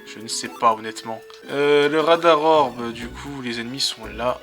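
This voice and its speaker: A man's voice: medium pitch, moderate pace, music in the background. A man commenting casually on his gameplay, muttering to himself and swearing, with a sore throat. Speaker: let's play host.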